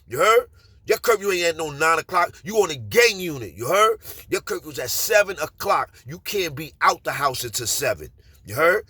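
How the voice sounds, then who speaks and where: A man's voice: a little high, animated, brisk, breathy edge, no room sound, voice pushed up. A man with a Bronx accent acting out a hostile male parole officer, barking and repeating himself. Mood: scolding. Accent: New York Bronx. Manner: loud, barking, repetitive.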